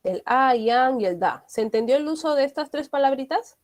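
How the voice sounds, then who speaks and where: Woman, English teacher, patient explanations, frequent tag questions, slightly high voice. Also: expressive, brisk. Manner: explanatory, often checks understanding with tag questions. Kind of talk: online grammar lesson.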